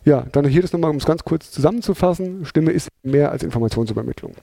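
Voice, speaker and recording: Mellow-voiced man giving a chatty talk. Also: a little high, lively intonation, fast talker, gravelly. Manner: chatty, many fillers and tag questions. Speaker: presenter. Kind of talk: conversational lecture.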